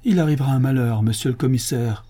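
A man voicing a poor, desperate man who whimpers and pleads in a high, wailing voice. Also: expressive, moderate pace, dark tone, breathy edge. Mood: despairing. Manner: whimpering, high-pitched lament.

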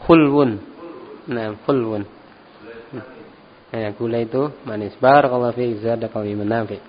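A middle-aged man, teaching a classroom lesson in a relaxed, encouraging way and tagging his phrases with a questioning "ya". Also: medium pitch, moderate pace. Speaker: Arabic teacher, religious instructor. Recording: dull recording with long hall reverb and faint ambient noise.

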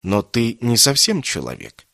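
A man's voice: mid-range voice, wildly swooping pitch, measured pace, gravelly, a bit bright, dry recording, studio quality, heavily acted. A man voicing a haughty, manipulative male mage in an audiobook, speaking imperiously and coldly. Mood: persuasive. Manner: imperious, coaxing, then clipped and cold. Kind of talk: audiobook character reading.

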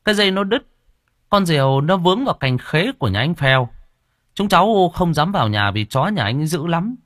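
A man's voice: on the high side, big pitch swings, a little fast, a bit bright, dry recording, studio quality, pitched above the performer's own voice. A man voicing a flustered young village man who stammers breathlessly, in an audiobook story. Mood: flustered explaining.

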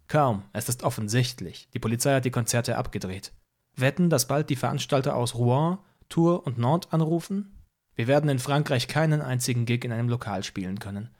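A man's voice: medium pitch, darkish tone, close to an everyday voice. A man voicing a blunt, defiant young male musician in an audiobook. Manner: blunt, matter-of-fact. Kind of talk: audiobook character voice.

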